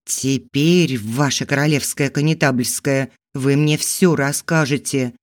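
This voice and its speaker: A man's voice: mid-range voice, steady tone, unhurried, natural voice. A man reading an audiobook, voicing a fierce, stubborn young woman heroine with commanding, indignant outbursts.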